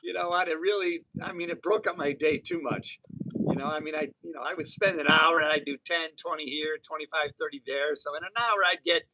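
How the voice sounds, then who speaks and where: A man's voice: a little high, fairly even intonation, fairly quick, pushed and bright, poor audio. Upbeat man in his sixties, motivational. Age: 60s. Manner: upbeat, motivational, rambling with restarts. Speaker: live-streamer. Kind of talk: casual live-stream monologue. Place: outdoors on an island. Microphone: phone or camera for a live stream.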